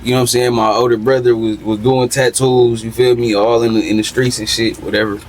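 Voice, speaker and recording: A man's voice: mid-range voice, flat delivery, fairly quick, slight background noise, low-quality recording. A man in his twenties from Michigan, a rapper telling his story in a casual podcast interview, with laid-back street slang. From Lansing, Michigan. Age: 20s. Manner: laid-back street slang, keeps asking "you feel me". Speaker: rapper guest.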